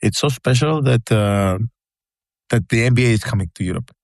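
A man from Greece co-hosting a podcast, talking excitedly and repeating himself in casual sports chat. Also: mid-range voice, gravelly, dry recording, studio quality. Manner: fast, excitable, repeats words and says "bro". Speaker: podcast co-host.

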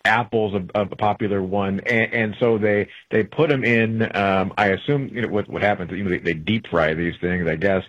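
A man's rather low voice comes through a muffled, lo-fi AM radio broadcast. He is a traveling correspondent calling in to a talk show. He chats casually and rambles, full of fillers and restarts. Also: steady tone, normal speed, hardly any pauses.

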